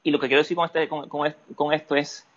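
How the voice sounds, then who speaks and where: A man, a podcast guest speaking candidly about personal matters, halting and restarting often. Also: fairly high pitch, little pitch movement, lo-fi sound. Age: adult. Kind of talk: personal interview talk.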